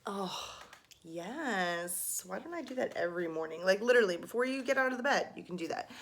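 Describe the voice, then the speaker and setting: In a casual video lesson, an animated young woman voice teacher walks through warm-ups at a fairly quick pace, using plenty of fillers. Her lower register turns slightly gravelly during the demonstrations.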